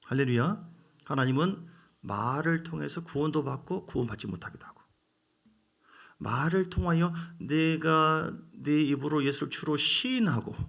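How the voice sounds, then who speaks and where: A male pastor preaching a sermon, swinging from loud emphatic rises to quiet, hushed asides. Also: a little high, lively intonation, normal speed, vocal fry.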